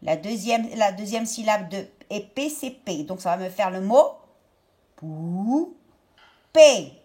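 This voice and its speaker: A woman teacher talking young pupils through a worksheet step by step, stretching out each word slowly. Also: mid-range voice, animated, a little mellow. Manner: slow, step-by-step, drawn-out words for young pupils. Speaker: primary school teacher. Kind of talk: remote lesson explaining a worksheet.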